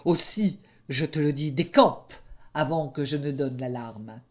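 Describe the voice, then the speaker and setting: A woman's voice: deep voice, unhurried. A woman voicing a bold, cheeky young male lamb who speaks defiantly and mockingly, in a storybook reading.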